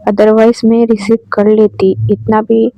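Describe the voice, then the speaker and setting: A woman's voice: on the high side, flat delivery, slow, warm tone, dry recording, muffled recording, soft background music. A woman voicing a caring young woman, coaxing. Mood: gentle. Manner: coaxing, asks many questions at once. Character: caring young woman, anxious for her partner.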